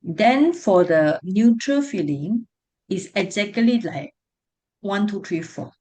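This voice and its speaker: A woman's voice: mid-range voice, animated, takes it slowly, dark tone. A woman with a Singaporean or Malaysian English accent teaches an online class, explaining step by step in colloquial Singlish and checking that students follow. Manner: colloquial Singlish phrasing with tag words like "ah". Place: online video call class.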